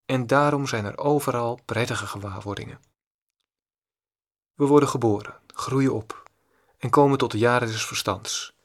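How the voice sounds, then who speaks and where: A man reading a meditation teacher's discourse in a slow, deliberate, repetitive way. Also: mid-range voice. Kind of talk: read-aloud spiritual discourse.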